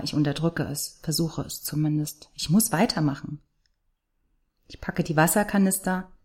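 A woman reading a first-person story aloud with passion, moving between hushed lines and outcries. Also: deep voice. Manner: impassioned, swinging from hushed to outcries.

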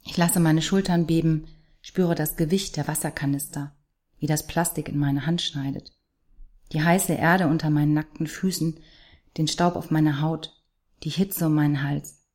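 A woman reading a first-person story aloud with passion, moving between hushed lines and outcries. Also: deep voice, steady tone, moderate pace. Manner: impassioned, swinging from hushed to outcries.

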